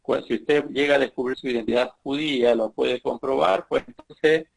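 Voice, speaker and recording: A man's voice: mid-range voice, moderate pace, gravelly. A man teaching his congregation in an earnest sermon, repeating phrases and rising into emphatic bursts. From Bolivia.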